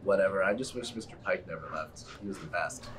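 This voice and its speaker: A man's voice: sits low, fast, fairly bright tone, rough recording. A teen boy playing a bored, cheeky schoolboy. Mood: dismissive. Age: teens. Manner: slouchy, dismissive and mumbling. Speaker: high school student. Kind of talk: student film acting. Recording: amateur school video with faint hiss.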